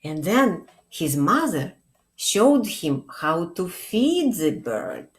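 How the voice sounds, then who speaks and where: In her forties, this storytime reader and children's librarian reads aloud to young children in a small room against a plain wall. She is very unhurried, deliberate, and expressive, with a slightly low register, and often checks in with questions.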